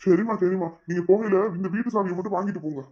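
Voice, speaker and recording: A woman's voice: mid-range voice, very fast, muffled recording, natural voice. A woman voicing a worried young husband in a cartoon, talking in a flustered, pleading way. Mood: agreeing.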